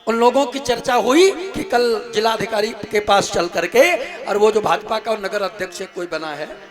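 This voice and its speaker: High-voiced man preaching on stage. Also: animated. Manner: emphatic, rhetorical questions, sings kirtan slowly. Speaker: kathavachak preacher. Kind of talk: religious discourse with devotional singing. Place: outdoor religious gathering stage. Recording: live stage audio with music behind. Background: devotional music.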